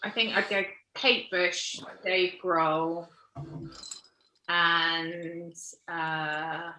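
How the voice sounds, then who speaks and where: A woman's voice: lowish voice, fairly even intonation, very slow, pushed and bright, slight background noise. A woman chatting casually as an interview guest. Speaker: guest, company managing director. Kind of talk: casual chat. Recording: echoey room.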